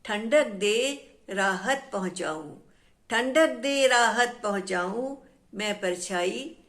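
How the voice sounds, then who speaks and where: A woman voicing a calm, gentle female shadow in a children's story who speaks softly and evenly in rhyme. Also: mid-range voice, slow pace. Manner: soft, even, rhyming speech.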